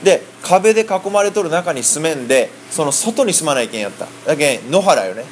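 A man interpreting a sermon in lively, colloquial speech and acting out the quoted voices. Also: a little high, a little fast, slight background noise. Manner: animated, acts out quoted voices. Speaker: interpreter for a preacher.

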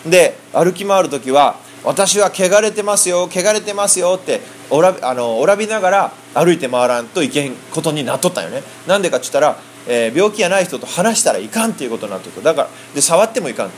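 A man interpreting a sermon in lively, colloquial speech and acting out the quoted voices. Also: on the high side, fast talker, few pauses, a little hiss or hum. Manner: animated, acts out quoted voices. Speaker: interpreter for a preacher.

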